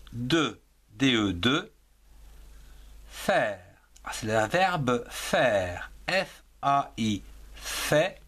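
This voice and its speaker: A man's voice: mid-range voice, fairly bright tone. A man teaching young children to write, spelling words letter by letter and sounding out each syllable. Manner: slow and deliberate, breaks words into syllables. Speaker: primary school French teacher. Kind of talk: slow dictation lesson, spelling words aloud letter by letter.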